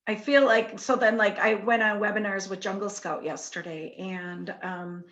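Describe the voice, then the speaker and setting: A woman's voice: mid-range voice, steady tone, moderate pace, a bit bright. A woman chatting casually as a participant on a group call. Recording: muffled, band-limited online call.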